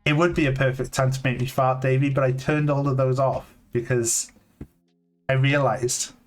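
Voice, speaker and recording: A man in his late thirties streaming live from a home setup. He talks casually and candidly, restarting sentences often and filling pauses with "like.". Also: mid-range voice, fairly even intonation. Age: 30s. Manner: halting, candid, full of "like" fillers and restarts. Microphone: desk mic on a long cable. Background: faint lo-fi music playing.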